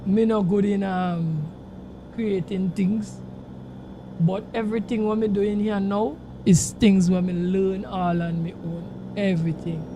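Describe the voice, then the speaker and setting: Measured and level in tone, a Jamaican livestreamer with a gravelly voice keeps up casual, emphatic chatter with his viewers as he drives a virtual truck. He repeats himself often, and the game's engine rumble makes the audio noisy.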